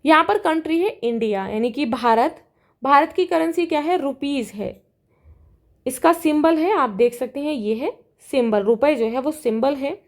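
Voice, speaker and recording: A woman teacher who works through a worksheet. She reads the English lines slowly and then explains them in Hindi. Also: high voice, animated.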